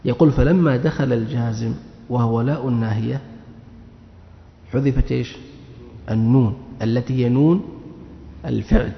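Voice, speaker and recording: In a muffled, echoing hall recording, a man teaches grammar by asking questions he then answers, repeating the important words. He speaks at a moderate pace in a creaky, medium-pitched voice, leaving long pauses.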